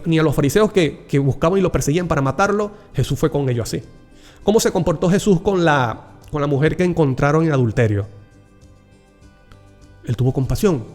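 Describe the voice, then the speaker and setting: A man's voice: fairly high pitch, a little mellow. A man preaching a Bible reflection, earnest and personal, calling the listener dear brother. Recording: long hall reverb with faint music behind.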